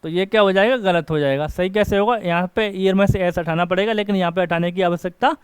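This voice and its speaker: Man, grammar teacher, question-and-answer lecturing, slow reading of examples, dry sound. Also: sits high, clean tone, dry recording. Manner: asks the class questions and answers them himself; reads example sentences slowly. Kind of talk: classroom lecture. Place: coaching class.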